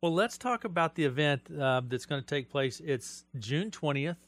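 A man's voice: fairly high pitch, animated, moderate pace. Chatty male radio morning host. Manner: friendly, chatty interviewer. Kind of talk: casual radio interview.

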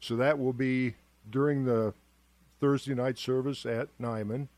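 A man's voice: mid-range voice, fairly even intonation, a little slow, darkish tone, no room sound. A man appearing as a church guest on a radio interview, announcing service times in a plain, matter-of-fact way.

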